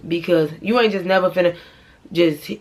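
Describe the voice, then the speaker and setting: A woman's voice: fairly low pitch, moderate pace, a little mellow, slight background noise. A young woman vlogger telling a dramatic personal story to her viewers, blunt and profane, speaking straight to camera. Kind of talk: storytime vlog.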